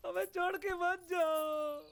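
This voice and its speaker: A desperate young husband in a comedy film, his voice pushed high and loud as he begs. He pleads again and again, clinging to the same words. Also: fairly even intonation, slow, gravelly, exaggerated voice. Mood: pleading. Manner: begging, repeating himself. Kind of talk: Hindi film dialogue.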